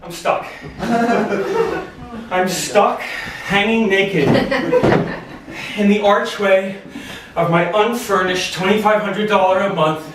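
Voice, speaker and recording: A man performing a live storytelling set, animated and profane, at times shouting. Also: high voice, takes it slowly, pauses often. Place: stage at a storytelling concert. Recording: echoey room, distant mic, audible noise.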